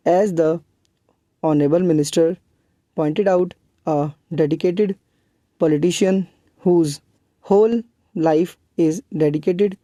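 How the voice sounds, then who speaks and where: A person dictating a formal text for transcription practice, reading it out in short, measured phrases with pauses between them. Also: medium pitch, warm tone, dry recording.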